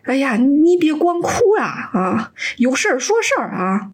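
An earnest, unflappable male clerk who talks to a ghost as if taking an ordinary statement, put on by a woman podcast host. The voice rises noticeably above her usual talk, and the delivery is bright and coaxing, with a slow, deliberate patience. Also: high voice, big pitch swings, pitched above the performer's own voice. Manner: chatty, playful storytelling tone.

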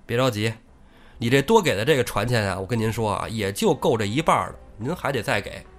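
A man's voice: animated, quick pace, faint music behind, natural voice. A man voicing a sly, menacing middle-aged boatman in a comic storytelling podcast, drawling and mocking. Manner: drawling, mocking, low-voiced.

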